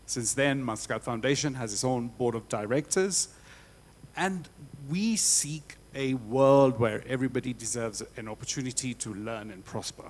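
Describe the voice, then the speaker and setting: A man speaking as a foundation representative on a panel, explaining in a measured way. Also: medium pitch. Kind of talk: panel discussion.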